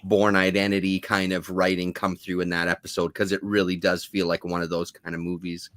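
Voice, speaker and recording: A man with a low voice, recorded dry and close, chats enthusiastically as a co-host. He swears casually and draws out words to stress them. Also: flat delivery, a little fast, fairly bright tone, dry recording. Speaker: podcast co-host. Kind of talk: casual chat.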